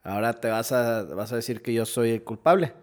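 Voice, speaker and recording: A young man with a Mexican accent co-hosts a podcast in a medium-pitched voice. He teases his friend with dry, short jabs. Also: fairly quick. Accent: Mexican Spanish. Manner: teasing, dry, interjects short remarks. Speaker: podcast co-host. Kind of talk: casual chat.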